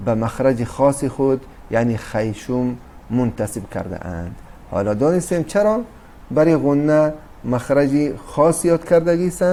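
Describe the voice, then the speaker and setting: Calling his listeners dear brothers and sisters, a man with a dark-toned, mid-range voice leads a recorded Quran recitation lesson. He explains patiently, with fillers and restarts.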